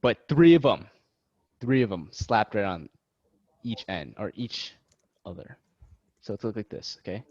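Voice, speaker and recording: A man's voice: fairly low pitch, lively intonation, measured pace, long pauses, a little mellow, no room sound. A young man leading a casual study session for classmates, joking and self-deprecating as he explains. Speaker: student tutor. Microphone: video call. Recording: dull lo-fi video call audio.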